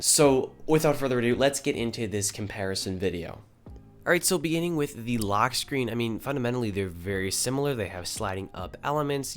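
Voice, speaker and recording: A young man from Michigan with a stuffy, nasal voice from a cold, casually narrating a tech comparison video with lots of fillers. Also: lowish voice. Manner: relaxed, filler-heavy, says kinda a lot.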